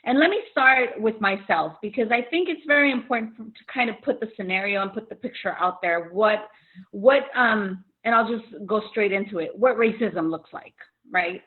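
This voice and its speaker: Middle-aged woman from Mexico, co-host telling a story, earnest and halting, tinny phone-line sound. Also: medium pitch. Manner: earnest, many fillers and restarts. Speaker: podcast co-host. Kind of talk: casual chat, personal story.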